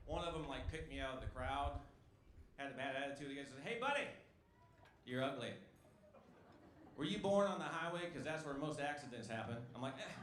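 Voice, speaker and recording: A male stand-up comic with a slightly high voice, delivering wry, punchy jokes and quizzing the audience. The sound is roomy and echoey, with loud club noise underneath. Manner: wry, punchy, talks to the crowd. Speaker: stand-up comedian. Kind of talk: stand-up comedy set. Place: comedy club stage.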